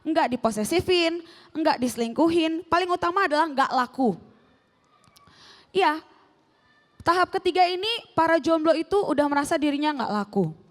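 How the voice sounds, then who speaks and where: A young woman performs stand-up comedy on a stage. Her voice sits fairly high, and she talks in loose slang. She is playful and breaks into the voices of the people in her stories. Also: expressive, normal speed, long pauses, big-room sound. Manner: slangy Jakarta-style casual talk, playful, acts out quoted voices. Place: stage before a live audience.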